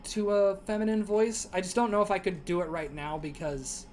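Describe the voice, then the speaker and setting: A young man streams a game, chatting casually in a high-pitched, slightly mellow voice at a moderate pace, with a faint hiss or hum behind him. His throat sounds dry as he rambles through ideas, full of fillers and restarts, in typical casual gaming-stream chatter.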